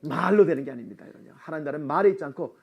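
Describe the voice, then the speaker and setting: A middle-aged man preaching at a church seminar, animated and laughing often, calling out for amens. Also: on the high side, racing, creaky, husky, faint music behind. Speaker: missionary seminar speaker. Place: church sanctuary.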